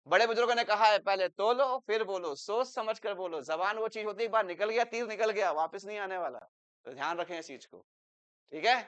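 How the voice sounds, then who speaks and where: High-voiced man teaching grammar. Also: smooth. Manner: explains in Hindi with English examples, calls listeners beta; rises loud and emphatic when making a point. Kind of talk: classroom lecture.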